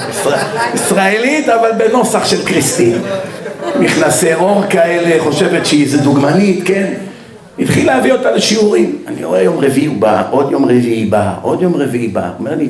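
A man, a rabbi, giving a Torah lecture as a lively story and acting out each person's lines as he goes. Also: a little high, echoey room. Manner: animated storyteller who acts out the dialogue. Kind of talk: storytelling sermon.

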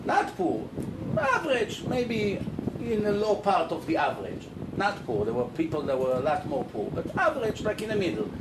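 A male rabbi teaches a Torah class in a lively, questioning way, playing out the people he quotes. His voice sits high for a man. He sounds distant from the microphone in an echoing room, with a loud air-conditioning drone underneath. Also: moderate pace. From Israel. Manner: animated, acts out quoted people, asks rhetorical questions. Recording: roomy, far off, loud air conditioning hum.

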